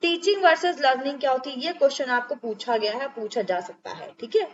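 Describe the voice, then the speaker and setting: A woman's voice: high-pitched, brisk, muffled recording, faint music behind. A young woman teaching an exam-prep lecture, explaining step by step and asking checking questions.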